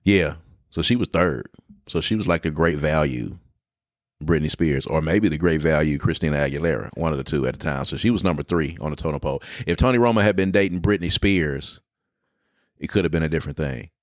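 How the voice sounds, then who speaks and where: A man co-hosting a podcast in casual chat, animated and blunt with his opinions. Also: extremely low pitch, fairly quick, no echo, clean studio sound. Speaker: podcast co-host.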